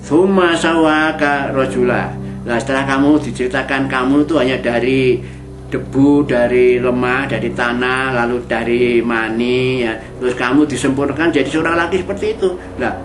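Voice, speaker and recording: A man giving a Quran exegesis lesson, reciting verses slowly and then explaining them in chatty, colloquial asides. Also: mid-range voice, steady tone, music in the background. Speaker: Quran teacher. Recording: echoey room.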